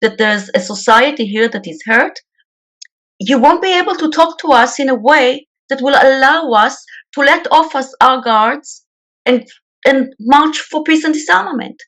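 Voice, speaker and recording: The recording quality is low, but the woman's voice comes through high-pitched and fairly bright at a normal speed. She is an Israeli peace activist with an Israeli accent, giving an interview in a blunt, emphatic way and repeating words.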